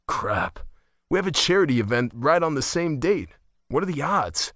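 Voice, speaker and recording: A man's voice: a little high, very animated, moderate pace, a bit bright, dry recording, studio quality. A man doing a teasing athlete husband. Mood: earnest. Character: male pro athlete, teasing husband, earnest.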